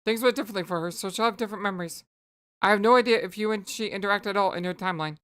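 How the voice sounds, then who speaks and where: A woman's voice: medium pitch, rapid-fire, a bit bright, clean tone, natural voice. A woman voicing a dry, witty young know-it-all who explains things articulately. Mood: explaining. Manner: articulate, wry.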